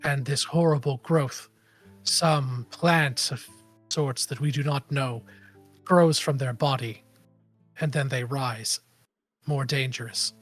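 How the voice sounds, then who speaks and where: Tabletop game huntress leader, male performer: grave, guarded, slow and deliberate, soft music behind. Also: mid-range voice, steady tone, pitched below the performer's own voice. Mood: grave, measured. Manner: slow, solemn, measured delivery.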